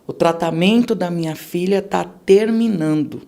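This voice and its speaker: A woman's voice: on the low side, unhurried, creaky, mellow. A middle-aged woman with a Brazilian Portuguese accent gives an emotional religious testimony on a podcast, telling her story vividly and acting out the people in it. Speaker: podcast guest giving testimony.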